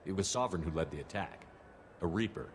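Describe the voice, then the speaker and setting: A man's voice: deep voice, lively intonation, fast, background noise. A man voicing a blunt, abrasive male soldier commander with a sarcastic, confrontational streak.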